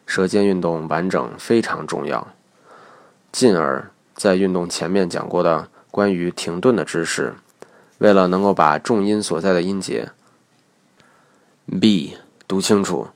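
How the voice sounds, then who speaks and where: A man's voice: deep voice, vocal fry, no room sound. A man teaching English pronunciation in a recorded lesson, explaining each point in a methodical way.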